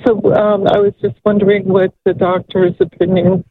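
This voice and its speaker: Husky female caller on thin phone line. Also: mid-range voice, level tone, normal speed, dry recording. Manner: hesitant. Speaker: radio show caller. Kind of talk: casual, polite phone question.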